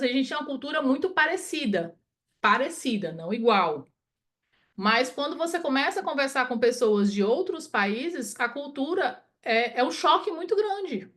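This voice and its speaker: A woman's voice: high voice, fairly bright tone. A Cearense woman from Brazil, a consultant, giving a chatty webinar talk over a video call and tagging many phrases with "né?". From Ceará, Brazil. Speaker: project management consultant and webinar speaker.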